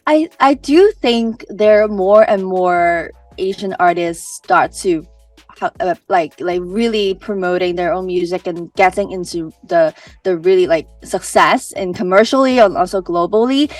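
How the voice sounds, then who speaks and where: A woman's voice: on the low side, measured pace, darkish tone, dry recording. A young woman from Hong Kong speaks English with a Hong Kong accent, Cantonese being her first language. She answers chattily, peppering her sentences with fillers and restarts. Her voice sounds slightly distant and dry, with faint music underneath. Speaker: singer-songwriter guest. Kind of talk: casual interview answers.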